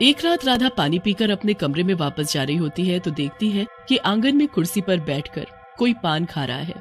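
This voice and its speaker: Cartoon story narrator, mid-pitched even voice, soft music underneath. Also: moderate pace.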